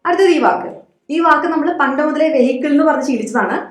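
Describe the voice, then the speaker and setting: A woman teaching English pronunciation, patiently repeating each word slowly. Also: high-pitched, big pitch swings, reverberant. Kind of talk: Malayalam-language English pronunciation lesson.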